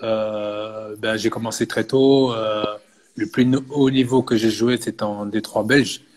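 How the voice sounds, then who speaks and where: In his thirties and from Belgium, this man works as a personal fitness coach and talks in a relaxed, casual way during an interview. His fairly low voice is unhurried, and he keeps restarting phrases and adding "tu vois," meaning "you see."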